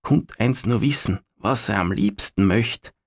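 A man voicing a brooding old farmer father who grumbles in a halting way. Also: lowish voice, no echo, studio quality. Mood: gruff.

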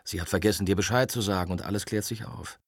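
A brusque, grumbling detective, as a male audiobook reader puts him on, cuts his caller short. The voice is low and husky, and it sounds dry and close to the mic. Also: fast, no room sound. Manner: curt, grumbling. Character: gruff, curt middle-aged police detective. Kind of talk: audiobook dialogue.

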